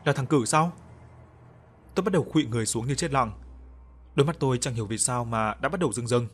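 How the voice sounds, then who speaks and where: Husky-voiced man reading a sad story. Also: medium pitch, lively intonation, racing. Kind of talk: first-person story narration.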